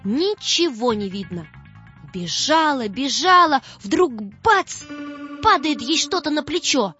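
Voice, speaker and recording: A woman narrating a children's story in an expressive storytelling manner. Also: high voice, slow. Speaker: audiobook narrator. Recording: dull dry recording with faint music.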